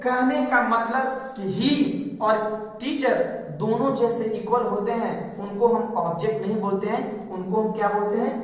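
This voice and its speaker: A man's voice: sits high, steady tone, measured pace. A male teacher explains a grammar lesson step by step. He asks rhetorical questions and then answers them himself. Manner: repetitive, explains step by step with examples. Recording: echoey hall, mic far off.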